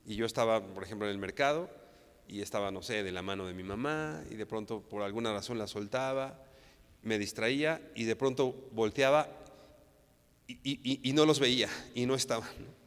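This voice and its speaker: A man's voice: fairly low pitch, moderate pace, clear, resonant tone. A man from Mexico with a Mexican accent preaching a sermon, earnest and repetitive, often stumbling and restarting with tag questions. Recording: long reverb hall.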